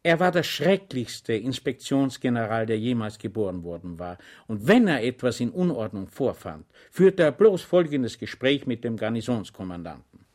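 A man narrates a novel at a measured storytelling pace. His voice sits in a middle range and stays even and unhurried. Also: mid-range voice. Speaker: audiobook narrator. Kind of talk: scripted narration.

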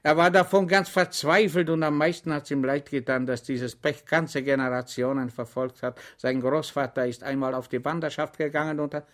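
A man puts on an amiable, endlessly talking soldier orderly. He answers with polite deference and rambles into anecdotes, a little raised in pitch. It is a figure in a read-aloud novel. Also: steady tone, moderate pace, hardly any pauses, fairly bright tone, close to an everyday voice. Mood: rambling. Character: chatty good-natured male soldier orderly, endlessly rambling.

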